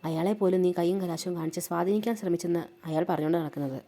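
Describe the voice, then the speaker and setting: A woman's voice: on the low side, fast. Woman voicing a kindly village auntie. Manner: gentle, advising. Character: kindly middle-aged village woman, sympathetic.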